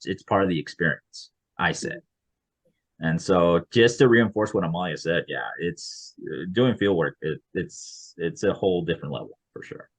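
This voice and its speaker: On a video call for a casual panel chat, a graduate student researcher from the United States talks in a rambling way, frequently restarting and chuckling. His voice sits low with a fairly bright tone, and the recording is low quality.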